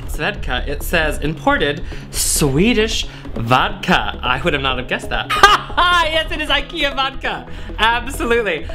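A man's voice: sits high, big pitch swings, measured pace, bright, forceful tone, faint music behind. A man in his thirties, a sassy, campy drag queen host chatting casually and comically, a little tipsy. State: tipsy from drinking. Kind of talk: casual comedic chat while playing a game. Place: small indoor set with foil backdrop.

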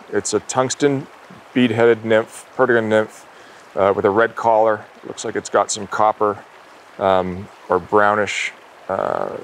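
A man in his thirties hosting an outdoor fishing show, wading in a small river and talking in an upbeat way that gets excited when a fish bites. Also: lowish voice, a little hiss or hum.

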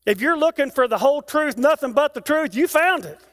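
A pastor stands in a church sanctuary and preaches in a very high male voice. He builds long rhythmic lists, then drops into plain conversational asides to his congregation. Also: lively intonation, fairly quick, fairly bright tone. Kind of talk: sermon.

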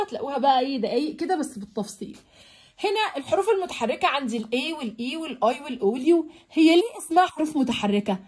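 High-voiced Egyptian woman teaching children. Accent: Egyptian Arabic. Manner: coaxing, checks in with pupils often. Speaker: English teacher. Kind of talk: children's English lesson.

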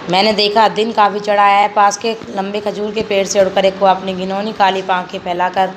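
A woman teacher reading a textbook story aloud for a class, in a steady manner with frequent slips and self-corrections. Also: medium pitch, brisk, a little hiss or hum, poor audio.

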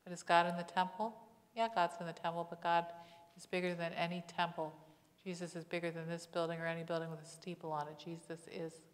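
This sermon comes from a middle-aged woman pastor on a lapel mic, her fairly low voice moving little in pitch and running a little fast. She keeps it conversational, leaning on rhetorical questions, while the church sanctuary adds long reverb.

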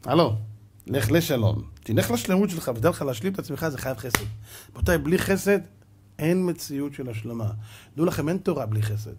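A male rabbi giving a dramatic sermon, telling parables with lively acted voices. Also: fairly high pitch, noisy background. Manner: dramatic storyteller, acting out parables.

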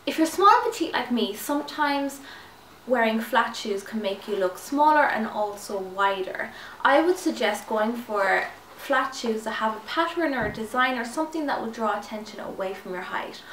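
Talking to her viewers from a small room with a clothes rail, a woman in her twenties shares cheerful, casual fashion advice. Her voice is a little high and a bit bright, with lively intonation and a moderate pace, plus a slight lisp from new braces. The mic is slightly distant in an echoey room, with a touch of background noise.

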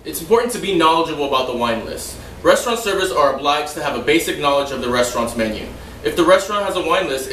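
Recorded by a camera far away with no visible mic, a young man with a slightly high voice gives an instructional demonstration on wine service indoors in a house's dining room. As a restaurant server trainer, he explains steadily and adds loose asides, while the audio carries a roomy echo and a faint hiss or hum.

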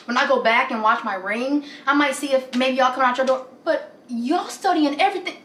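A woman's voice: sits high, fairly quick, fairly bright tone, slight background noise. A young woman chatting animatedly through a home vlog in her apartment, often laughing, filmed by a camera at a distance. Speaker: lifestyle vlogger. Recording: roomy echo, away from the mic.

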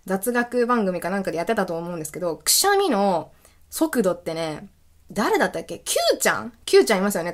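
A woman hosting a casual solo radio talk, telling stories in an animated way and laughing often. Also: mid-range voice. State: recovering from illness. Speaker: podcast host.

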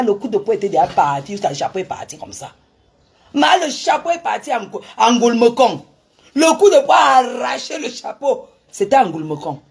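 A woman's voice: on the low side, darkish tone, breathy edge. A woman telling viewers a personal story in a dramatic, emphatic way, with many restarts and repetitions. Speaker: vlogger recounting a personal dispute.

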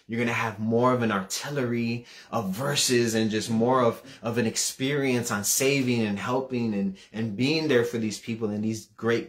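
A preacher in his thirties shares a personal religious testimony in an earnest, mid-pitched voice. He speaks fervently, repeating words and restarting as the story builds, and his pitch climbs sharply as he relives the moment.

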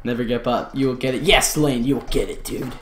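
A male live streamer reacting to his gameplay, loud, excited and heavily profane. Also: mid-range voice, fairly quick, reverberant.

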